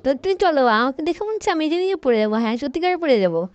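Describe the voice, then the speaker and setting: Woman, high voice, chatty excitable gameplay commentator, dry home recording, slightly muffled. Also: racing. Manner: chatty, excitable, talks to herself while playing. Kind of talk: casual let's-play commentary.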